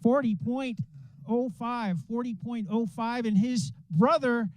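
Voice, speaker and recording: A man calling a ski race live, excitedly repeating racers' names and finish times. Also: extremely high pitch, takes it slowly, no echo, rough recording. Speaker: race announcer. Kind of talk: live sports commentary.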